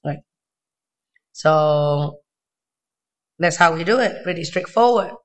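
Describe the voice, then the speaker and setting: Thin, weak, high-pitched male maths tutor. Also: lively intonation, slow pace, a bit bright, low-quality recording. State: unwell, weakened voice. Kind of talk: informal step-by-step tutorial narration. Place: indoors at a desk.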